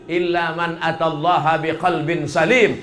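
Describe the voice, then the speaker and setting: A male preacher delivers a joking sermon in a mosque. His voice sits high and sounds bright and forceful. He swings between slow, weighty phrases and quick, teasing asides, and now and then he shouts. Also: little pitch movement, a little hiss or hum. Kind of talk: humorous sermon to a mosque congregation.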